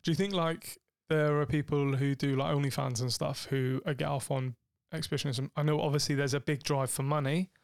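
Cheeky bloke cohosting a podcast, gravelly fry, dry close sound. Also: male voice, a little high, fairly even intonation, a little fast, hardly any pauses, no echo. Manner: cheeky, joking, swears freely. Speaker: podcast co-host. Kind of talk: casual chat.

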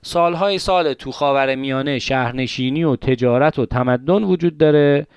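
A man's voice: mid-range voice, clean tone, no echo. A man hosting a podcast, narrating a history story in a dramatic, conversational way, with asides to his listeners. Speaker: podcast host.

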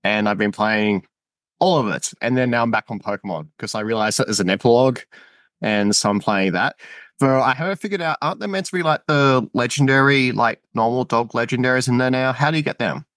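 Guy on a podcast panel, casual chat, mid pitch, dry close sound. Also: a little fast, a bit bright, no room sound. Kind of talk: casual chat about video games.

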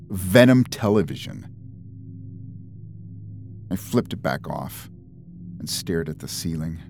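A young man narrating a first-person story in a measured, introspective way. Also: deep voice, darkish tone. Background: music.

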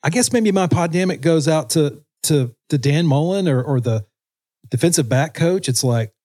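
A man's voice: fairly high pitch, animated, normal speed, warm tone. A man co-hosting a casual podcast, rambling loosely with hesitations. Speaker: podcast co-host, musician.

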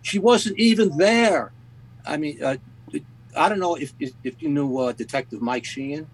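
A man hosting an interview, telling a story in a halting way with restarts. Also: a little high, breathy edge, rough recording. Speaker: podcast host. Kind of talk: conversational storytelling.

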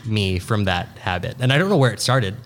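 A man co-hosting a casual chat, telling stories in an animated way with lots of fillers and mimicry. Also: lowish voice, a little fast, slight background noise. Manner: animated storyteller, mimics others, frequent laughs and fillers. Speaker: podcast co-host.

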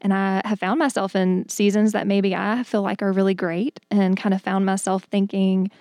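A woman's voice: mid-range voice, flat delivery, normal speed, darkish tone, dry recording, studio quality. A woman speaking thoughtfully and earnestly in a Bible study discussion, with frequent ums. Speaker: discussion group member.

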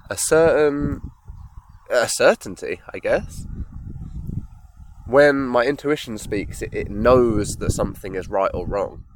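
A man hosting a solo podcast, talking slowly and thoughtfully, often pausing to find his words. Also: on the low side, slight background noise. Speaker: podcast host. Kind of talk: reflective solo monologue.

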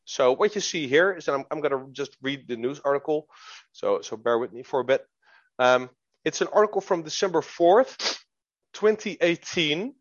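A man's voice: a little high, expressive, normal speed, no room sound. A man co-hosting a casual crypto podcast, stumbling over repeated words and restarts, at times reading a news article aloud. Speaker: co-host. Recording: dull lo-fi sound.

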